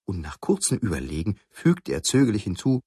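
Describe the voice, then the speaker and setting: Deep, husky-voiced male storyteller. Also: fairly quick, dry recording, studio quality. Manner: expressive, storytelling. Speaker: narrator. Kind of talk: scripted storybook narration.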